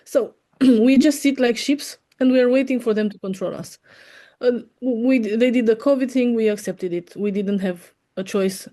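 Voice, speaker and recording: A woman's voice: on the high side, normal speed, warm tone. Woman speaking frank English. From Denmark. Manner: frank, earnest, imperfect English. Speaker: podcast co-host. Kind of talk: casual opinionated chat.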